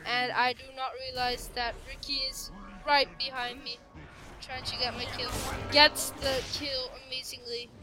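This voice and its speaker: High bright-voiced woman commenting a game. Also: little pitch movement, a little slow, soft background music, poor audio. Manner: chatty play-by-play of own match. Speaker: gameplay commentator.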